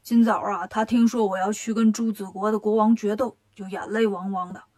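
A woman voicing a boastful male demon king in a children's storybook tale, with low gloating chuckles. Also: steady tone, a little fast, darkish tone, lightly acted.

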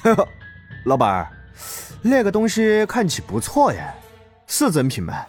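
Brief: a man playing a curious passerby, pitched high with wide swings. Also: huge pitch swings, a little slow, soft background music, heavily acted. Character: curious middle-aged male passerby.

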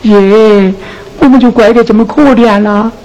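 An actor playing a sharp-tongued comic innkeeper in a Sichuan opera, with a Sichuan accent, scolding in a sing-song way. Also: mid-range voice, fairly even intonation, moderate pace, muffled recording, close to an everyday voice. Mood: mocking. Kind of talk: Sichuan opera stage acting. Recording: noisy 1970s film soundtrack.

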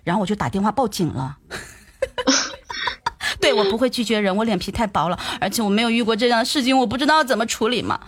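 A young woman telling a personal story in a lively, chatty way, repeating words and asking her listeners questions. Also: a little high, racing, few pauses, slightly rough. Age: young adult. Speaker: storyteller addressing her audience.

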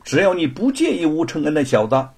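A man's voice: on the high side, very animated, a little fast, vocal fry, a little mellow, husky, voice pushed up, exaggerated voice. A man voicing a middle-aged villainous rich man speaking firmly to his son. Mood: indulgent.

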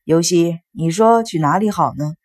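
A woman voicing a calm middle-aged father who speaks mildly and tries to smooth things over. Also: lowish voice, moderate pace, lightly acted. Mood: coaxing. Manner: mild and conciliatory.

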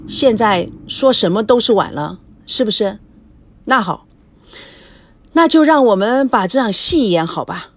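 A woman voicing a weary young groom in an audiobook, speaking in a flat, dejected way. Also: mid-range voice, measured pace, dry recording. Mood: gloomy.

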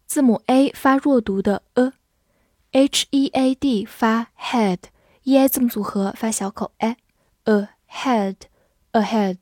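Higher-voiced woman teaching English words. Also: a little mellow, no room sound, clean studio sound. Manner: spells words letter by letter and reads example sentences slowly for repeating. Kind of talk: scripted vocabulary lesson.

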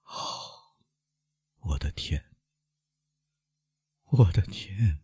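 Brief: man playing a grim, shaken prosecutor, low and muffled, nearly whispering, husky. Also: animated, slow pace, no room sound, full character voice. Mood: stifled. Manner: low, stifled, muttering voice. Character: grim older male prosecutor, shaken and secretive. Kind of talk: audiobook character voice.

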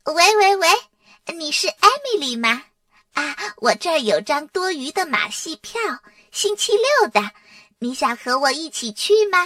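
A woman's voice: high voice, big pitch swings, a little slow, fairly bright tone, no room sound, pitched above the performer's own voice, heavily acted. A woman voicing a cheeky, teasing little girl in a children's storybook reading, in a singsong, gloating manner. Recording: distant mic, dry sound.

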